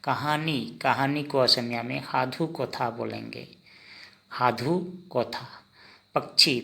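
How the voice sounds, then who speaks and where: A man teaching vocabulary in a slow lesson, asking the listener each word and then repeating the answer. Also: mid-range voice, vocal fry, pushed and bright. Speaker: language teacher.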